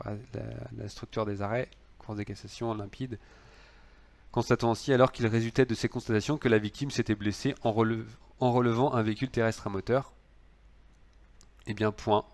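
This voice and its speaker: A man with a lowish voice lectures on law. He explains step by step, often hesitating and restarting his sentences as he works through each point. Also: darkish tone.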